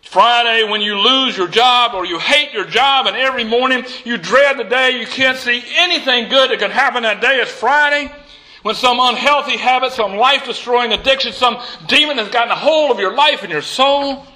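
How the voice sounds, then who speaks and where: A male pastor delivering an Easter sermon in an unusually high voice. His tone is very bright and sharp, and he works a repeated refrain with emphatic, rising storytelling. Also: normal speed, poor audio. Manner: storytelling preacher with a repeated call-and-response refrain; emphatic, building from soft to shouting.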